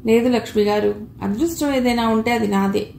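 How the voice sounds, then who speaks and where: A fond, teasing middle-aged mother from a storybook, as a woman narrator reads her part. Her lines come across warmly chiding. The voice carries a slight room echo with faint noise. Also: on the high side, a little fast, creaky. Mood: moved.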